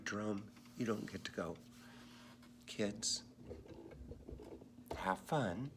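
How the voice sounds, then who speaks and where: Slow, lively phonics teacher, deep voice. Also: male voice, a little hiss or hum. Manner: sounds out letters slowly and encouragingly. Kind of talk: phonics lesson for young children.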